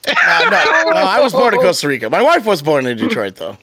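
A man in his thirties co-hosting a podcast, loud and swearing freely as he jokes. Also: sits high, wildly swooping pitch, a little fast. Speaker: podcast co-host. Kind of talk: casual chat.

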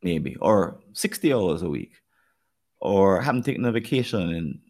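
A man's voice: sits low, animated, moderate pace, a little mellow. A man with a Jamaican accent hosting a podcast, talking things over earnestly and turning now and then to speak straight to his listeners. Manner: earnest, reflective talk that addresses listeners directly. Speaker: podcast host. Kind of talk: casual podcast conversation.

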